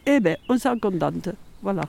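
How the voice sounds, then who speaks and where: A woman's voice: mid-range voice, animated, normal speed, vocal fry, mellow, slight background noise. An older woman from Catalonia with a Catalan accent, recalling her past in a chatty, hesitant way with many fillers. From Catalonia, Spain. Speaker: interviewee. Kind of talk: casual recollection.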